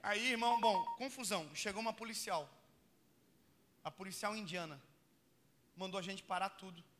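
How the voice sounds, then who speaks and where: A man preaching a sermon, telling a personal story with animated energy and rising to shouted peaks. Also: high voice, normal speed. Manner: animated, builds to shouting peaks, laughs at his own stories. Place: church hall. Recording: long church hall reverb.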